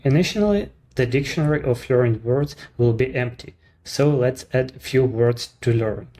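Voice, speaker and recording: In a screen recording, a man presents his own software service, taking each step slowly and deliberately in Ukrainian-accented English. His pitch is ordinary and mid-range, and as a native Ukrainian speaker he occasionally words things in a non-native way.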